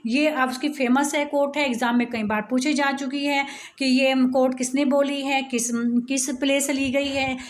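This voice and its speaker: A woman with a high voice teaches poetic meter to her students. She keeps checking whether they have understood. When she reads the example lines, she slows right down and presses on each stressed beat. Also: level tone. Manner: asks frequent check-in questions. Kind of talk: explaining English poetry to students.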